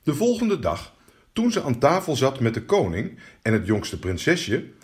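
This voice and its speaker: Male storyteller, animated fairy-tale reading, very lively pitch. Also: measured pace.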